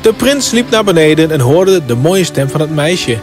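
A man's voice: fairly high pitch, big pitch swings, moderate pace, music in the background. A man reading a scripted fairy tale as a storybook narrator.

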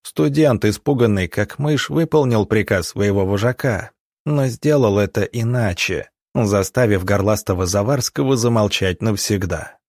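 A man narrating an audiobook in a measured, dramatic reading style. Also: on the low side, darkish tone, no echo, clean studio sound. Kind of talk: scripted narration.

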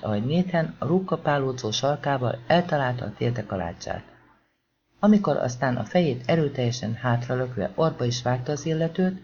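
A man's voice: medium pitch, creaky, a little mellow. Man reading an audiobook steadily. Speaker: audiobook narrator. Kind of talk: scripted narration. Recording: slightly dull lo-fi recording with faint hiss.

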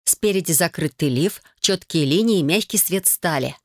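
An audiobook narrator reading a fantasy novel in the first person, with even storytelling. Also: mid-range voice, moderate pace, no echo, clean studio sound.

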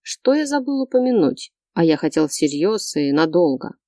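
A woman's voice: fairly low pitch, very animated, normal speed, mellow, dry recording, studio quality. Woman voicing a cold domineering man. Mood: menacing. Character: domineering controlling man, young adult, cold and threatening.

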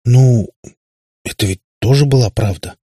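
A man's voice: mid-range voice, unhurried, dark tone, slightly rough, no room sound, clean studio sound. A man playing a flustered hermit warlock father. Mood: mumbling. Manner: flustered, pleading, mumbling.

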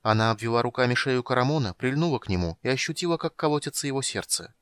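A man narrating an audiobook in a measured, expressive reading on a close mic. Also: medium pitch, clean tone, no room sound.

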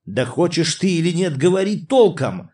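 A man's voice: sits high, very animated, a little slow, darkish tone, voice pushed up, heavily acted. A man reading an audiobook, voicing a boisterous, laughing older prince who exclaims and teases. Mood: impatient. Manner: exclaiming, guffawing, teasing. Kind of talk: audiobook character voice.

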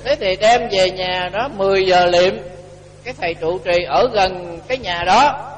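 A man's voice: high voice, measured pace. A man giving a Buddhist sermon, telling a story and acting out the dialogue. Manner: lively storyteller, acts out dialogue with rising and falling volume. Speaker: Buddhist monk giving a dharma talk. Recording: echoey hall with faint hum.

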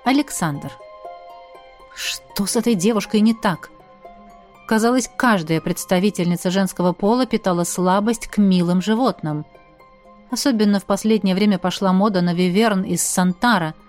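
A woman reading a novel aloud in a steady, even storytelling manner. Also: medium pitch, normal speed, soft background music. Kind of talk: audiobook narration.

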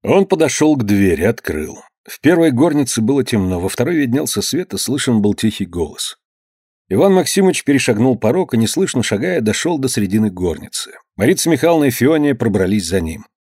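A man narrates a literary story with calm, even delivery. His voice sits at a middle pitch. The recording is dry and close. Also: brisk, husky, dry recording. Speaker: audiobook narrator.

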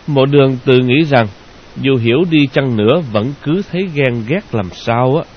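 A man narrating a novel in a slow, measured way. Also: medium pitch. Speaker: audiobook narrator. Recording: dull lo-fi audio with hiss.

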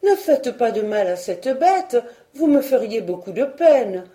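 A woman's voice: fairly high pitch, expressive, moderate pace, dark tone, lightly acted. A woman reading a storybook, voicing a kind-hearted young country girl who speaks earnestly. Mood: pleading.

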